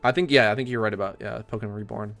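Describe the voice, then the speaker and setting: A young man livestreaming a game, chatting casually, swearing and ranting loudly at it. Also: fairly low pitch, racing, vocal fry, soft background music. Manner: excitable, swears often, rants loudly at the game. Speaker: streamer.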